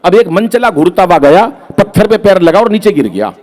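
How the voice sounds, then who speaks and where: Comic poet on stage, high-pitched male voice, storytelling with acted quotes. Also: sing-song, moderate pace, a little mellow. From Haryana. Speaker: stand-up poet. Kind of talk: comic poetry stage performance.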